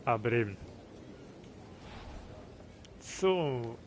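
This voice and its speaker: A man casually commenting on his own game stream, halting as he thinks aloud. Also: medium pitch, animated. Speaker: live streamer playing a golf game. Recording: noisy stream with game ambience behind.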